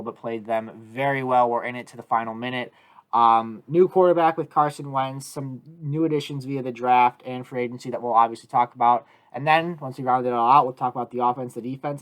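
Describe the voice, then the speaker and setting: Eager, talkative man hosting sports talk. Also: mid-range voice. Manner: eager, talkative, emphatic analysis. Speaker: podcast host. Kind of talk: casual sports discussion.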